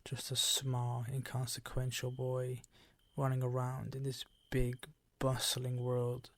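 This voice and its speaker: In an ASMR roleplay, a man voices a predatory, possessive vampire count, using formal, teasing, commanding phrasing in a breathy voice that often drops toward a whisper. His mid-range voice is completely flat and slow, with no room sound, and the mood is brooding and hushed.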